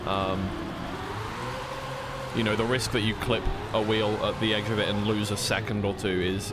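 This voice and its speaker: Racing game car sounds fill the background as a man casts live on a co-stream, mixing play-by-play calls with informal talk and musings. His voice is lowish, and the recording is very noisy.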